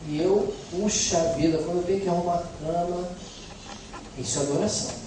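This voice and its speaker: A middle-aged man from Brazil with a high voice, preaching in a church hall with humor and a chatty, storytelling manner. He sounds far from the mic in a very echoey hall, with faint noise behind him. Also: a little fast, warm tone. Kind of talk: sermon.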